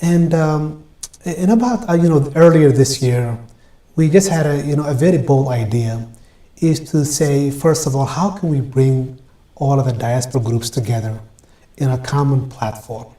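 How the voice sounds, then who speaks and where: A man from Ethiopia, a guest in an interview, answering in a measured way with many pauses and fillers. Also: mid-range voice, mellow. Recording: roomy echo.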